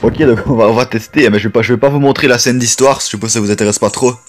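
A man's voice: medium pitch, steady tone, rapid-fire, over music. A man hosting a gameplay video, rambling and chatty in casual commentary. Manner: rambling, chatty, frequent restarts. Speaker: gaming video host.

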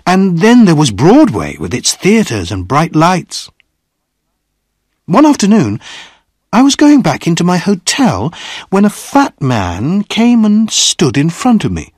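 Male narrator, easy learner story, very animated pitch, slow careful pace, dry close sound. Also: husky, dry recording. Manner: deliberate, expressive storytelling. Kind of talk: graded-reader audiobook narration.

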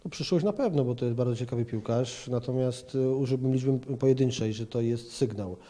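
This football pundit, a man in his forties, gives a hesitant TV interview full of fillers and restarts. His medium-pitched voice is mellow and fairly quick, recorded indoors in an office room with a plant via a handheld reporter mic held out to him.

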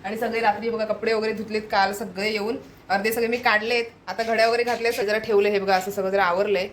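A woman's voice: medium pitch, flat delivery, quick pace, slight background noise. A woman from the Konkan in India, chatting casually and rambling to her viewers in a home vlog, laughing often. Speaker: vlogger.

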